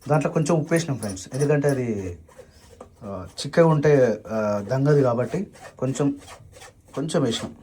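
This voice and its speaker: A man's voice: on the high side, fast talker, pauses often, dark tone, a little hiss or hum. A man, chatting casually through a village cooking vlog and explaining each step to viewers as he works. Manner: chatty, explaining steps to viewers while working. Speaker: vlogger. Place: village home kitchen.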